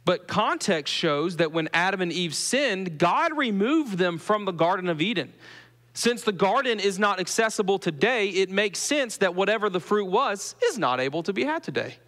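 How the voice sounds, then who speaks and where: A man's voice: sits high, animated, normal speed, a bit bright. A pastor with a Southern US accent giving a conversational sermon to his congregation, asking them questions as he goes. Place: church sanctuary. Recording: long reverb of a church hall.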